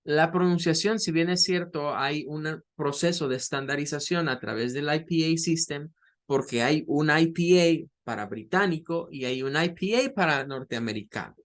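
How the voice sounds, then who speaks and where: In a recorded online lesson, a male English teacher with a higher voice explains things slowly and patiently. He models English words through drawn-out demonstrations, often repeating words and restarting phrases.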